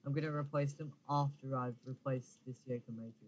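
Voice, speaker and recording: A man's voice: mid-range voice, fairly even intonation, brisk, slight background noise. A young man giving casual, rambling gameplay commentary, full of fillers and self-corrections. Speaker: gaming YouTuber.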